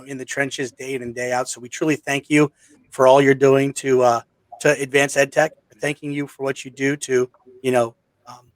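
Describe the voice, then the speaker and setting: Host: a man with an even, flat delivery, dry close sound. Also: medium pitch, no echo. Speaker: podcast host. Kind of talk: casual podcast hosting.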